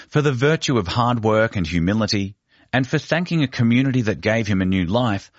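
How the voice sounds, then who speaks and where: A man narrates a written feature in a measured, deliberate way, his low voice rising and falling widely. The recording is dry and close, with a slightly dull, muffled tone. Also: no room sound. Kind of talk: scripted narration of a feature article. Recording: dull, muffled studio read.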